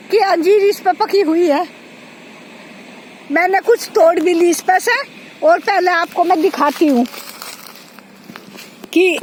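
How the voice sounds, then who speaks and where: A high-pitched village vlogger chats casually to viewers while walking around her farm and pointing things out. The walking-tour vlog was shot on a phone outdoors, giving a low-quality recording with faint outdoor noise.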